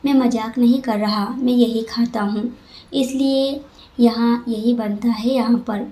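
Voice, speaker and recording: A woman's voice: a little high, steady tone, unhurried, dark tone, natural voice. Woman voicing a stern young landlord. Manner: curt and scolding, then coaxing. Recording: roomy echo.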